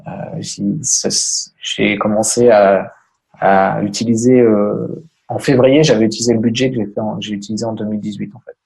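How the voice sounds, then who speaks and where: Low gravelly man chatting in an interview. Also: fairly even intonation, normal speed, darkish tone. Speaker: podcast guest, online business owner. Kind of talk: casual interview chat.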